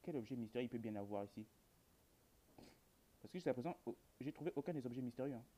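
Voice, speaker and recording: Fast-talking man commentating a horror game. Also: medium pitch, lively intonation, dark tone. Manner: rambling, addresses viewers, colloquial, dryly joking. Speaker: gamer, video host.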